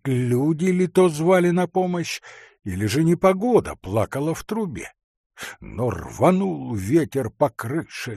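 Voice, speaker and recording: A man reading a story aloud in a slow, dramatic, expressive way. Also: a little high, no echo, studio quality. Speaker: narrator.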